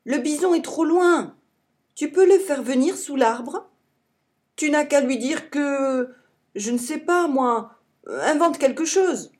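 A woman voicing an excitable little hamster boy who wants to be a cowboy, eager and bossy. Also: high voice, slow, voice pushed up. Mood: calling out.

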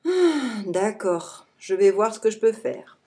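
A woman's voice: mid-range voice, very animated, takes it slowly, background noise. Woman doing a hesitant, wry little friend. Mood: reluctant.

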